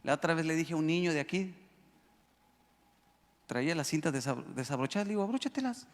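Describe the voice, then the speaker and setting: A man's voice: on the high side, brisk, in a large hall. A man with a Mexican Spanish accent preaching a sermon as pastor, emphatic and joking with the congregation. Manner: emphatic, calls out to the congregation, jokes. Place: church hall.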